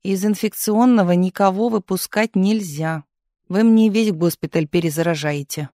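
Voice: medium pitch, moderate pace, mellow, dry recording, natural voice. A reader voicing a stern older hospital nanny, curt and scolding, in a dry studio recording.

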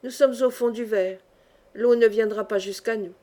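A woman reading the part of a calm old schoolmaster among trapped miners, explaining things patiently in an audiobook. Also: a little high, normal speed, close to an everyday voice. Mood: explaining calmly. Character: wise old male mine schoolmaster, calm.

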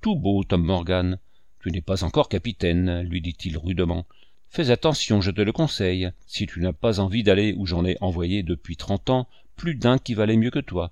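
A man voicing a scheming old pirate captain who talks in a gruff, commanding and threatening way, for a read-aloud novel. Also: low voice, lively intonation, normal speed, darkish tone, dry recording.

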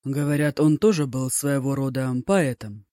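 A narrator voicing a calm, level-headed male court officer. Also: mid-range voice, no room sound, clean studio sound, lightly acted. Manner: calm, measured.

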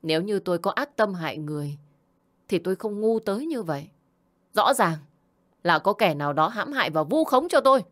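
A woman's voice: medium pitch, lively intonation, fairly quick, a bit bright, lightly acted. Woman voicing a wronged young wife. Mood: indignant. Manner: pleading, indignant. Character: desperate noblewoman wronged by false accusation.

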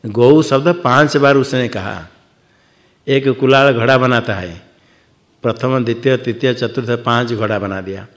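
A man's voice: mid-range voice, a little slow. A man giving a scripture lecture as a teacher, posing questions and answering them himself, repeating words for emphasis. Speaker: Vedanta teacher.

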